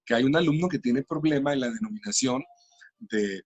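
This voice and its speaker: A man's voice: mid-range voice, animated, moderate pace, creaky, a little mellow, breathy edge, dry recording, lo-fi sound. A middle-aged man, a teacher trainer explaining classroom practice patiently in an interview.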